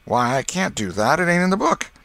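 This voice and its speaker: A man reading aloud and voicing a bossy, excitable boy who plays at being an outlaw, with loud boyish calls. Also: lowish voice, a little slow, no echo, pitched above the performer's own voice.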